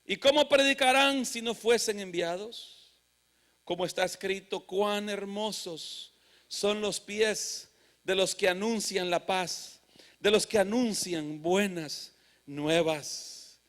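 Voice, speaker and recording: High-voiced fervent preacher man. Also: takes it slowly, fairly bright tone. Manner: fervent, rising to emphatic declarations. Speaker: pastor. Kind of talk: sermon. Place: church sanctuary.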